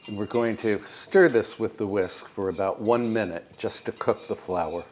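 An older American man hosting a home cooking show, explaining each step in a calm, precise, gently encouraging way in his kitchen. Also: fairly low pitch, normal speed. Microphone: lapel mic.

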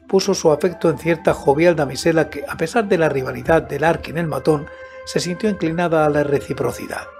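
An elderly man reads a scripted horror story into a close studio mic. His voice sits slightly high for a man, and his delivery is deliberate and measured. Music plays behind him. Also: a little mellow. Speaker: audiobook narrator and host of a horror story show. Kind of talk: scripted narration of a horror tale. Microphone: close studio microphone with headset monitoring. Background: background music.

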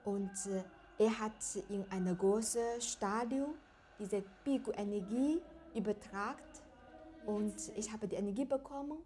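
A woman in her forties from China, a qigong teacher speaking halting German with many fillers in an interview. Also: medium pitch, dark tone. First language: Chinese. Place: indoor room with large windows. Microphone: lapel.

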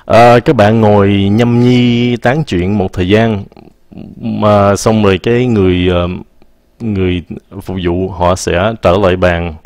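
A man, teaching English in a casual, patient lesson and repeating example phrases slowly. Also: lowish voice, little pitch movement, a little mellow, no room sound, clean studio sound.

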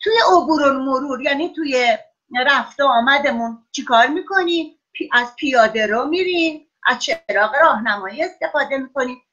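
A woman teaching a class of young children over a video call, praising them often and drawing out words slowly so they can write them down. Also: sits high, lively intonation, bright, forceful tone, dull audio. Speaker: primary school teacher.

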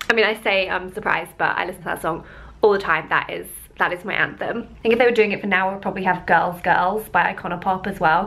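A young woman vlogging in a chatty, bubbly way, a bit stuffy from a cold. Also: mid-range voice. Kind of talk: casual vlog chat.

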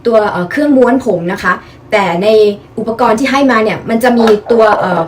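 A woman's voice: on the high side, brisk, slight background noise. Chatty young woman reviewing a gadget. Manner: chatty, polite, frequent soft particles. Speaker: beauty product reviewer. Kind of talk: casual product review vlog.

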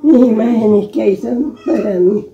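A frail woman over a hundred, speaking with a rural Nicaraguan accent. Her voice sits a little high and is very dark and mellow in tone. She recounts memories conversationally, repeating herself, in a slightly muffled lo-fi recording. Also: a little slow, roomy sound. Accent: rural Nicaraguan Spanish. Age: over 100, very old. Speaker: interviewee. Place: small brick room at home. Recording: dull lo-fi phone video sound.

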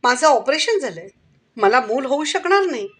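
A woman's voice: high voice, big pitch swings, moderate pace. Grieving businessman, read by a woman. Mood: somber.

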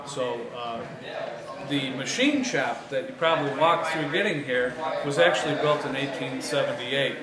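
A man guiding a museum tour indoors, speaking conversationally with fillers and pauses. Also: mid-range voice, animated. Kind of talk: guided tour talk. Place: historic laboratory building, indoors. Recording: echoey room with a crowd around.

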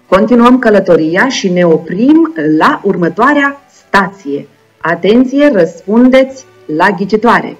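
Husky-voiced teacher, Moldovan Romanian accent. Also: female voice, mid-range voice. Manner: slow, clear, encouraging, spelling words out syllable by syllable. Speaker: primary school teacher. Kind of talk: video lesson for first graders. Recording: dull lo-fi recording with faint background music.

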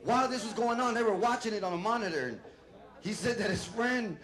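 A middle-aged man doing a loud, profane, rambling stand-up set on a club stage, shouting his punchlines. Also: high voice, animated, fairly quick. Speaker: stand-up comedian. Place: comedy club stage with a laughing audience. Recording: echoey live room, loud crowd noise.

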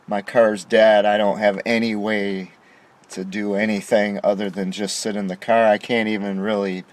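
A middle-aged man venting to camera from inside a parked car at night, aggrieved and indignant, pressing hard on his complaints. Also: lowish voice. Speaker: vlogger. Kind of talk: frustrated monologue to camera. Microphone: camera on dashboard facing him.

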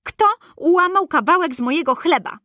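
A woman voicing a group of small, cheerful male dwarves in a storybook reading, with high, drawn-out, wondering questions. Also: pushed and bright, dry recording, studio quality. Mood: puzzled.

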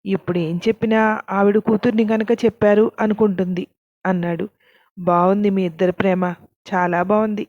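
A woman narrating a scripted story, reading every character's lines in the same even narrating voice. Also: mid-range voice, normal speed, no room sound, dull audio.

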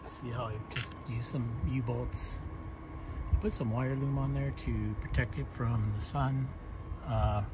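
Halting man filming his camper. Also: mid-range voice, fairly even intonation, very noisy. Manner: plain, halting, many ums and restarts. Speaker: camper owner showing a solar install. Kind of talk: casual walk-through narration. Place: outdoors and inside a small camper trailer.

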